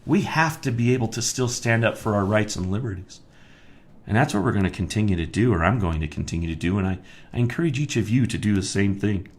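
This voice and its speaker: A man's voice: on the low side, fast talker. Fired-up American man on a live stream. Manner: worked-up, emphatic, rising to near-shouting; many fillers and restarts when calmer. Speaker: county commissioner, host of a live stream. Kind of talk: live-streamed political talk.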